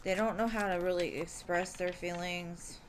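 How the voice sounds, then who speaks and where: Speaking at normal speed in a low-leaning voice with fairly even intonation, a woman streams tarot readings in a relaxed, chatty manner. Fillers like "um" and "like" come up often, she calls viewers "love," and there's a little hiss or hum.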